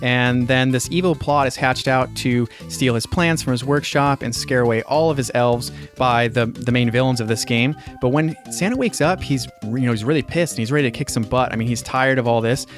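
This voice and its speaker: A man co-hosting a podcast who tells things in a lively, casual way, full of "like" fillers. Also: medium pitch, a little fast, few pauses, soft background music. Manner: animated storytelling, with lots of "like" fillers. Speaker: podcast co-host. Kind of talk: casual chat.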